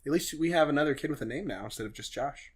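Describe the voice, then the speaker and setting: A man's voice: a little high, animated, fast. A young man co-hosting a podcast, recapping a show in a dry, sardonic, joking way. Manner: dry, sardonic, summarizing plot with jokes. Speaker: podcast co-host. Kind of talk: casual comedic recap chat.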